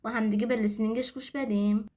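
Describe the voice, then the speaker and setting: A woman's voice: on the high side, steady tone, darkish tone. A woman English teacher patiently explaining grammar to learners, mixing explanation with example sentences. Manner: patient, explanatory, switching between languages.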